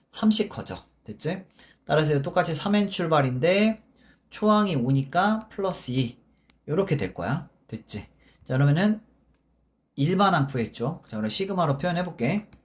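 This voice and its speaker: A male math teacher talking through a problem in a relaxed, informal lecture style. He moves step by step, corrects himself out loud, and keeps tossing in quick "got it?" checks to the students. His tone stays chatty rather than formal. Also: a little high. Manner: informal, constantly checking understanding with short tag questions; talks while working problems step by step, with self-corrections.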